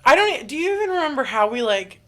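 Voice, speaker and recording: A woman in her twenties from Indiana, co-hosting a podcast in casual chat, candid and quick when excited. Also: high-pitched. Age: 20s. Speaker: podcast co-host.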